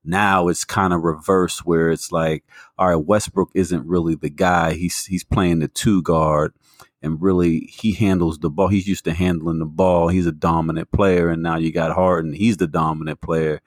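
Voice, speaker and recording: Low-voiced guy breaking down stats on a sports podcast, dry close sound. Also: level tone, normal speed, dry recording. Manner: argues a point with stats, many fillers. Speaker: podcast co-host. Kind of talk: casual sports talk.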